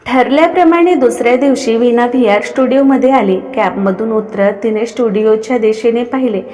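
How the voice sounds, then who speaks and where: A woman narrating a story with an expressive reading. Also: fairly high pitch, fairly quick. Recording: long reverb.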